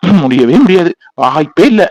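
A man's voice: a little high, animated, normal speed, a little mellow, no echo. A man voicing a playful young husband in a cartoon who teases and mocks his crying wife. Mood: teasing. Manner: mocking, teasing.

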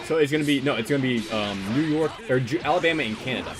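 A man talks fast and loosely over a gaming stream, cursing casually as he runs the tournament. His voice sits at an ordinary middle pitch. Game music plays clearly behind him. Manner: loose, rambling, swears freely. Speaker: tournament organizer and stream commentator.

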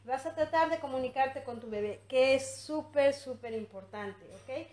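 High-voiced woman teaching baby massage. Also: moderate pace. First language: English-teaching background, usually teaches in English. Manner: gentle, explanatory, with many fillers and restarts. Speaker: infant massage instructor. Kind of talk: demonstration tutorial. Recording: echoey room.

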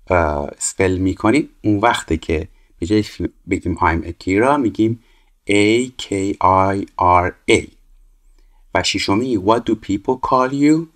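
A man teaching English, reading each phrase slowly and clearly and then explaining it quickly. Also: deep voice. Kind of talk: explaining exercises step by step.

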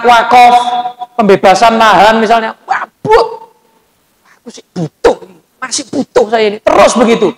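A man's voice: high-pitched, poor audio. A male preacher giving a sermon in a mosque, telling stories vividly and addressing his listeners directly.

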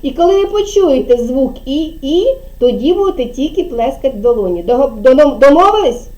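A preschool teacher with a high, warm voice leads a kindergarten class. She speaks slowly and patiently, stretching out words so the little ones can follow. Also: very animated, dull audio. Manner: slow, patient, drawn-out words for children. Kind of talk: teaching young children.

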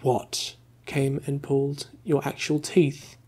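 A man's voice: mid-range voice, completely flat delivery, slow, a little mellow, breathy edge. A man muttering as an exasperated wizard. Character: exasperated cowardly male wizard. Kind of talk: whispered role-play.

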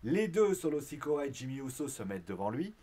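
Chatty, animated male wrestling-show host. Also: brisk. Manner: chatty and animated, with blunt slang and swearing; acts out quotes in a louder, higher voice. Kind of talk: casual spoken commentary.

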